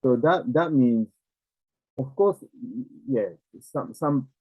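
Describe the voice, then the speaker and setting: A man from Japan with a Japanese accent, a non-native speaker explaining ideas reflectively and conversationally, haltingly searching for words. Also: mid-range voice, animated, darkish tone. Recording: tinny, narrow phone-like, echoey room.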